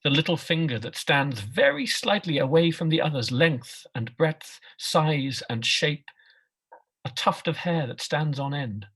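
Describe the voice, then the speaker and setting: A woman playing an anxious, burdened husband in a play reading, speaking in a deliberate, declamatory way. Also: deep voice, expressive, fairly bright tone, slightly rough, full character voice, poor audio. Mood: solemn. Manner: deliberate, declamatory, repeating phrases. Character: anxious, burdened husband, a self-styled solid man.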